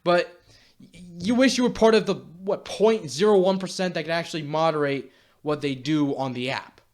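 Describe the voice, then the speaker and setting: A man's voice: on the high side, moderate pace. A young man delivering a blunt, exasperated rant to camera, swearing casually as he lectures viewers. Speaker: YouTube commentator.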